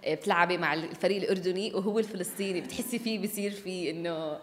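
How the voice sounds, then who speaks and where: A woman's voice: on the low side, very fast, slight background noise. A woman with a Levantine Arabic accent interviewing casually, dropping English words into her questions. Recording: reverberant room.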